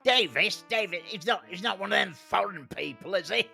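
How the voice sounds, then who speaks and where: A man's voice: high voice, expressive, fairly quick, creaky, sharp tone, faint music behind, exaggerated voice. A man voicing a harsh, bigoted male judge who hands out absurd sentences in a blustering, pompous manner.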